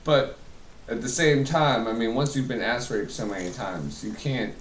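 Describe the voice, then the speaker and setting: Male comedy interview guest, mid pitch, crude irreverent banter, recorded off-mic in an echoey room. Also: moderate pace. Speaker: interview guest in a mock celebrity interview. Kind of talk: improvised comic interview banter. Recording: echoey room, distant mic, background noise.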